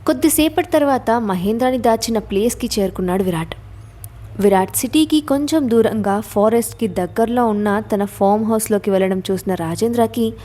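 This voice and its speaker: A woman storyteller giving a scripted narration of a suspense story in a steady, even way. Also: mid-range voice.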